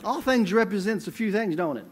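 Animated, high-voiced male evangelist. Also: a little fast. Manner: storytelling, emphatic, repetitive. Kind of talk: sermon. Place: church.

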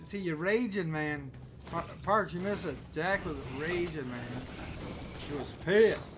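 A man from the Chicago area hosting a game stream, loud and excitable and swearing now and then as he plays. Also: a little high, measured pace, background noise. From Chicago area, USA. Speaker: streamer host. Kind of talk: casual gaming chat. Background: game music.

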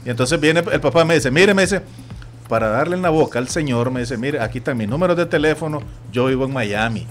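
A man with a Nicaraguan Spanish accent hosting a sports radio talk show, telling stories in an animated way and acting out other people's voices. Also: medium pitch, fairly quick, soft background music. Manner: animated storytelling, acts out quoted voices. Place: radio studio.

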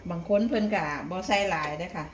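A woman's voice: on the low side, quick pace. A middle-aged woman with an Isan Thai accent, chatting folksily to viewers as she demonstrates home cooking, with polite particles throughout. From Isan, northeastern Thailand. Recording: echoey room, clear background noise, clattering pots.

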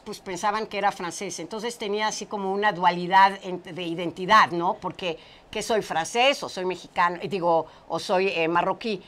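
A woman's voice: medium pitch, a bit bright. Middle-aged woman host, casual interpreter, talkative, restarts often, lapel mic. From Portugal. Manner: chatty, repeats words while translating. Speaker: talk show host. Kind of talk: casual chat, interpreting for a guest. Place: small studio set with brick wall.

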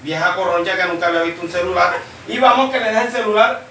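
A man telling jokes as a lively storyteller who acts out his characters. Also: high-pitched, fast talker, slight background noise. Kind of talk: joke telling. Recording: echoey room, distant mic.

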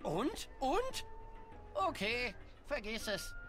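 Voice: mid-range voice, very animated, a little slow. A voice actor playing a sarcastic, grumbling talking crow in a video game, with game music behind. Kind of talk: game dialogue.

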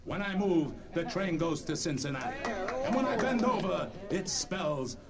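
A man's voice: high-pitched, expressive, normal speed. A man playing a boastful tattooed man at a carnival, showy and declamatory in a comedy sketch. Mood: proud display. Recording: loud music and crowd behind the voice.

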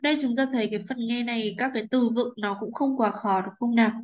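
A woman teacher with a Vietnamese accent guides a class through an English exercise. Her voice sits slightly high. She explains patiently and keeps asking whether students follow. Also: fairly even intonation, fast talker, muffled recording. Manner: patient, asks "right?" often. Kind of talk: explaining a textbook lesson.

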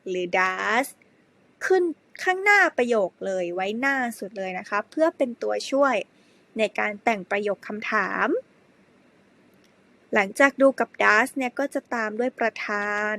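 A woman teaching an English grammar lesson to primary pupils, speaking slowly and spelling words out letter by letter. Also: on the high side, lively intonation, vocal fry, a bit bright, no room sound. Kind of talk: slow spelled-out classroom lesson.

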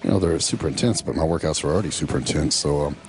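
Middle-aged man, rumbling bass voice, relaxed voice-over talk peppered with "uh" and "you know". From Texas. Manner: laid-back, drawn-out with many fillers. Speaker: professional bodybuilder. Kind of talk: casual voice-over narration.

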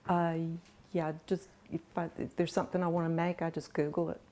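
A middle-aged home cook is interviewed casually in a large home kitchen. She talks in a relaxed, plain-spoken way with dry humor, her voice on the low side and her pace brisk.

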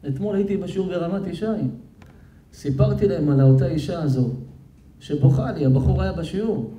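A rabbi giving a sermon, animated and dramatic, acting out quoted people and sometimes shouting. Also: male voice, a little high, reverberant, slight background noise. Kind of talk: sermon with acted stories. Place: lecture hall.

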